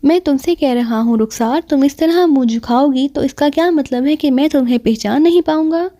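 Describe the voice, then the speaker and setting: Brief: woman narrator reading a boastful male thug in an audiobook, threatening and gruff, mellow tone. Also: sits high, close to an everyday voice. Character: menacing male street thug, hot-tempered and boastful.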